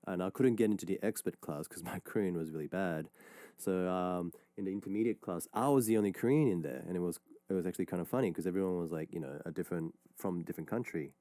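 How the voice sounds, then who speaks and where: Speaking fast in a low-pitched voice, the Australian man chats loosely on his radio show between listener messages, relaxed and rambling with plenty of fillers and restarts. The studio microphone gives clean sound with no room echo.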